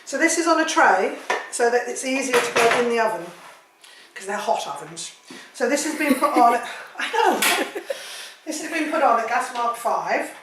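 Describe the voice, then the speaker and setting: Brief: woman home cook, higher register, talks nonstop with jokey asides, recorded in an echoey kitchen with clattering pots and cutlery. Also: very animated, moderate pace, background noise. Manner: chatty, rambling, jokey asides. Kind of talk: cooking demonstration.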